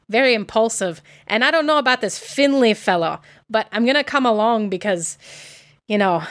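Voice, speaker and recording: A woman's voice: mid-range voice, fairly bright tone, lightly acted. Woman doing a stern old auntie with a put-on accent. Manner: folksy put-on accent, scolding. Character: stern protective older aunt, woman.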